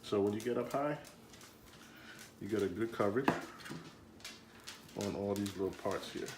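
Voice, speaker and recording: A man on the low side, speaking at a moderate pace, hosts a home cooking demo in a loose, joking manner full of fillers. He's from Jamaica and drifts into a Jamaican accent. The room is echoey and the recording very noisy.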